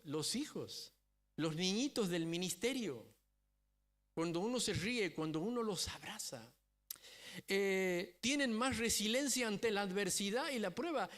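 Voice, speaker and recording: A man's voice: high-pitched, animated, unhurried, a bit bright. A man preaching a sermon as a pastor, telling a story and often checking in with the congregation. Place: church.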